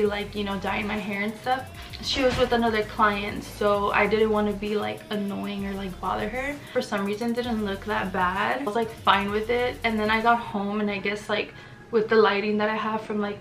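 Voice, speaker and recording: A woman's voice: mid-range voice, pushed and bright, low-quality recording. A young woman in her twenties from Texas, chatting frankly to camera in her bedroom with lots of fillers and some swearing. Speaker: beauty vlogger. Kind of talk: casual vlog chat. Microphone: camera on a tripod.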